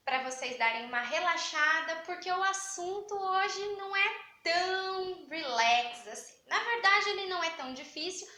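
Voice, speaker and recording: A woman's voice: very high-pitched, pushed and bright, roomy sound. A young adult woman, teaching a grammar lesson in a chatty way, asking herself questions and answering them. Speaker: Portuguese teacher.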